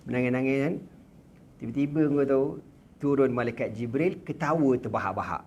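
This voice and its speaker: This religious teacher speaks a little fast at medium pitch, with a Malaysian Malay accent. The audio is dull, carrying a little hiss or hum, as he jokes his way through a lively story in a prayer-room lecture, using slang and sound effects.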